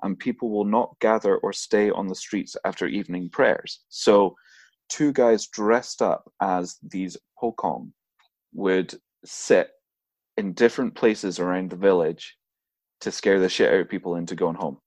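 A man's voice: low voice, measured pace, darkish tone, no room sound. A man co-hosting a podcast, telling a story in casual chat and laughing often as he talks. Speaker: podcast co-host.

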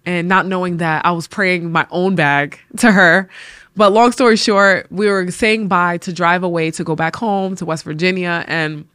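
A woman hosting a podcast, telling a personal faith story in an animated, laughing way and acting out the people she quotes. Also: on the low side, normal speed, smooth, no echo, studio quality. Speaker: podcast host.

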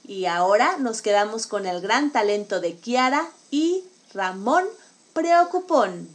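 A woman's voice: on the high side, expressive, slow pace. A woman hosting a storytelling program, reading out viewer messages and praising the young narrators in an upbeat way. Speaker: host of a children's storytelling program.

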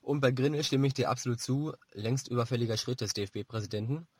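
A man giving football analysis as a pundit, measured and explanatory, feeling his way through phrases. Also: medium pitch, breathy edge, no room sound, clean studio sound. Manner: measured, explanatory, hesitant phrasing with repeated words.

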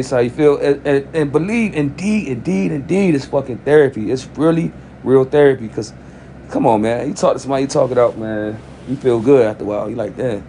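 A man's voice: mid-range voice, warm tone, a little hiss or hum. A man hosting his own podcast in loose, rambling, profane casual talk, sounding frustrated. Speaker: podcast host.

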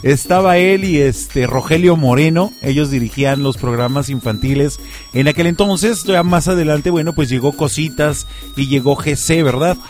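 A man's voice: on the high side, moderate pace, a little mellow. A Mexican man around his late thirties hosting a radio show with casual, slangy banter, joking and laughing easily. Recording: music playing under the voice.

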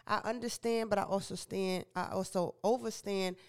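Smooth-voiced chatty woman radio host. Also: mid-range voice, fairly even intonation, moderate pace, a little mellow. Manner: chatty, opinionated, frequent self-corrections and stumbles. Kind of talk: casual entertainment news commentary.

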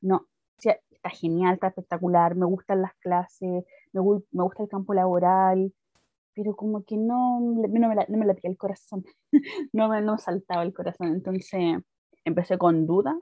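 A woman's voice: mid-range voice, normal speed, no room sound, narrow, tinny audio. A young woman in her twenties with a Chilean accent, telling her story in casual chat and laughing often. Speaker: guest.

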